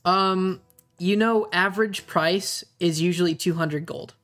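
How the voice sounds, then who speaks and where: A game master improvising tabletop narration in a hesitant, halting way, searching for words. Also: medium pitch, a bit bright.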